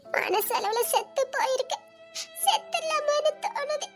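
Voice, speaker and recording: A woman's voice: very high voice, a little slow, faint music behind. A woman with a Tirunelveli Tamil accent playing a heartbroken young woman who pleads tearfully, with nervous laughs. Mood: pleading, hurt. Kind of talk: romantic short-drama acting.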